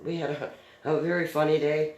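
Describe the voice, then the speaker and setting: A woman's voice: low-pitched, flat delivery, fairly quick, darkish tone. A middle-aged woman hosting a crafts video, telling a story in a chatty, easygoing way and laughing often. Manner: chatty, laughs easily, many fillers. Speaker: DIY crafts host. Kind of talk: casual storytelling while crafting. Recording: roomy echo with faint noise.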